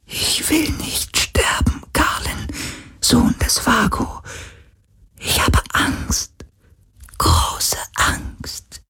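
A man voicing an ancient, lonely telepathic sea spirit in a German audiobook, speaking in a breathy hushed whisper. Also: medium pitch, slow, pitched above the performer's own voice. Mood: fearful.

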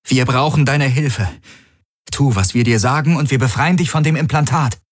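A man's voice: mid-range voice, lively intonation, a little slow, fairly bright tone, breathy edge, no room sound, studio quality, voice pushed up, heavily acted. A man voicing a tough young woman fighter who barks hard, impatient commands. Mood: harsh.

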